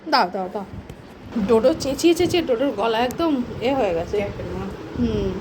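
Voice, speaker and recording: A woman's voice: fairly high pitch, lively intonation, moderate pace, background noise. A woman at home, fussing fondly over her pet dog and scolding her child. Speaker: pet owner and mother. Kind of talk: casual home video chat. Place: indoors at home.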